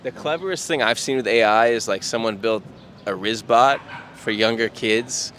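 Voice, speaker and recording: A man's voice: medium pitch, normal speed, a bit bright. A man in his thirties hosting a casual street interview, laid-back and full of fillers. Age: 30s. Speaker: podcast host. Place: city street outdoors. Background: faint traffic.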